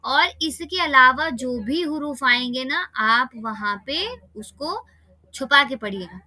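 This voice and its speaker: Bright-voiced woman teaching tajweed online. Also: sits high, expressive, no room sound, studio quality. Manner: patient, checks understanding with "theek hai?"; slowly spells out recitation examples. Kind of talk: online class teaching children.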